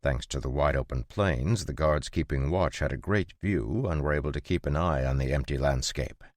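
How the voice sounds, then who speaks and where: A man narrating an audiobook in an even, measured storytelling manner. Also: very deep voice, no echo, studio quality. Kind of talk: scripted narration.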